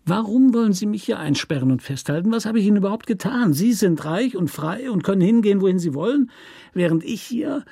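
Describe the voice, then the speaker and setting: A man's voice: sits high, animated, fairly quick, creaky, warm tone, breathy edge, dry recording, clean studio sound, pitched above the performer's own voice, full character voice. A man voicing a tall, hard, gaunt male prisoner with a whining, nasal voice who hisses near-whimpering threats. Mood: whining, hissing.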